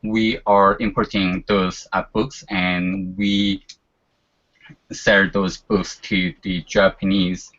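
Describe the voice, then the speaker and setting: This guest is a man in his forties whose native language is Korean, talking casually and relying on fillers such as "you know." He speaks slowly in a low, flat, slightly bright voice. The audio has a dull, lo-fi quality.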